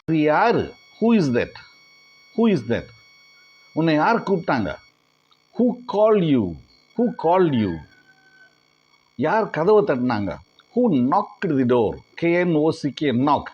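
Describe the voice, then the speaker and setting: A man leads a language lesson, his fairly high voice rising and falling in a lively way. He speaks slowly and deliberately, repeating every sentence and spelling words out letter by letter. The audio sounds a little dull and lo-fi. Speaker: English teacher.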